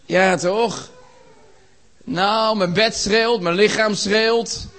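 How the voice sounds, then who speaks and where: A man preaching a sermon in a church, impassioned, building to shouts and rhetorical questions. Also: sits high, fairly even intonation, drawn-out words.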